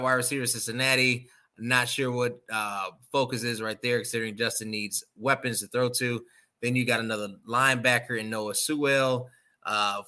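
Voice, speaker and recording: This is a man from the Chicago area hosting a sports podcast. His voice is bright and forward, and he delivers opinionated takes with big swings between loud emphasis and quiet asides. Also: medium pitch. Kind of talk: casual sports opinion talk.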